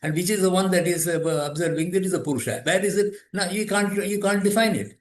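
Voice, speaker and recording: A man in his eighties, a yoga teacher and author appearing as a guest, explains philosophy in conversation. He is thoughtful, often restarting and repeating his phrases. His voice sits high, he talks fast, and the sound is roomy.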